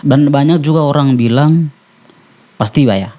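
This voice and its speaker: A man, a rapper guest in a casual podcast chat, talking haltingly and restarting as he searches for words. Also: fairly high pitch, mellow.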